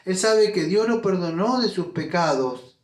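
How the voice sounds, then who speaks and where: A man's voice: sits high, animated, unhurried, echoey room. A man preaching a sermon as pastor, emphatic and full of rhetorical questions. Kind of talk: Spanish-language sermon. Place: church.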